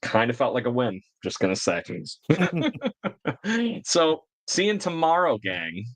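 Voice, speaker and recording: A man's voice: medium pitch, very animated, takes it slowly, dry recording. A man hosting a casual podcast chat, chatty and laughing between remarks. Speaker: podcast host.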